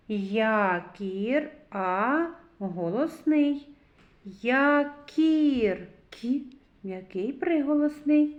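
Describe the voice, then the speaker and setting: A woman teaching young children to read, speaking slowly and deliberately and stretching out each sound. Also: fairly high pitch, dark tone. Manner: slow, deliberate, stretched syllables. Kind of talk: slow literacy lesson for young children. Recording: echoey room, dull lo-fi sound.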